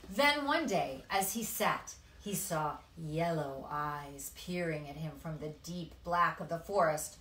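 A woman reading a children's story aloud with expressive, dramatic delivery. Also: medium pitch, recorded from a distance. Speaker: guest storyteller. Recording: echoey room.

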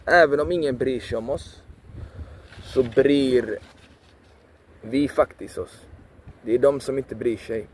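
A man preaching with fierce repetition, hammering the same words again and again with the odd curse thrown in. He speaks at a middling pitch, and faint traffic hums behind him outdoors. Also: long pauses. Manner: repetitive, emphatic, preachy, swears for emphasis. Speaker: video creator. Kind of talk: passionate motivational monologue.

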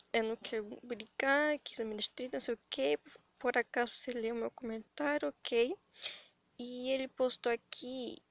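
A woman's voice: high voice, gravelly, dry recording, dull audio. Anxious, breathless Brazilian woman near tears. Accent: Brazilian Portuguese. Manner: breathless, rambling, halting restarts. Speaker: animation channel creator. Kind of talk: emotional webcam vlog.

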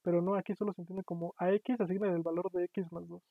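A university lecturer teaches programming online in a high, creaky voice with a level tone and quick pace. He explains patiently and frequently checks in with students, and the audio is tinny, dry, and phone-like with no echo.

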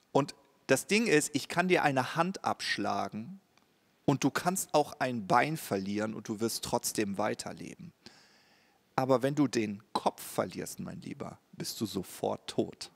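This male pastor preaches at an unhurried pace in a gravelly, creaky voice. He talks right to the listener, pausing now and then with a quick question tag. His pitch sits at an ordinary middle for a man. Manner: direct address with frequent "ja?" check-ins. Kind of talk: sermon.

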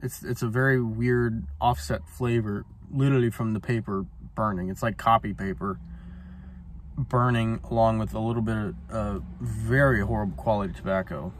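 Recorded on a dashboard phone camera with slight hiss or hum, a twenty-something man rambles through a relaxed review of the cigar he's smoking in his parked car. His voice sits on the low side with fairly even intonation at normal speed, and he says um and uh a lot.

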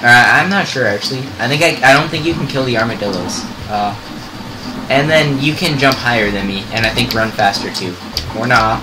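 A man's voice: mid-range voice, fairly quick, noisy background. A young man in casual let's play commentary, chatting easily and explaining the game as he plays. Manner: easygoing, chatty, explaining moves. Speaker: gaming co-commentator. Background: game music.

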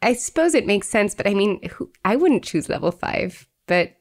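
A woman's voice: medium pitch, lively intonation, normal speed. A woman hosting a podcast, chatting in a playful, casual way. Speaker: podcast host.

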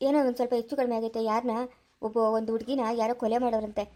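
An eager young policeman, as a woman voices him in a homemade family drama. He talks fast and restlessly, with a fairly high, light voice for a man. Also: steady tone, mellow, close to an everyday voice.

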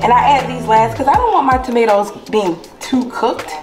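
With music under her voice, a woman hosting a cooking vlog talks viewers through a recipe in her home kitchen, casually saying "y'all" a lot. Her voice is a little high and lively, and she speaks a bit fast.

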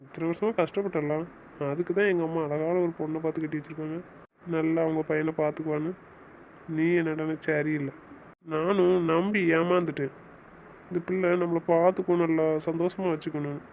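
A man's voice: a little high, steady tone, fairly quick, dull audio, slight background noise, natural voice. Teasing young husband, as a man voices him. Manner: teasing, scolding banter. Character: teasing young husband, bossy but playful. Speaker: husband in an audio romance series.

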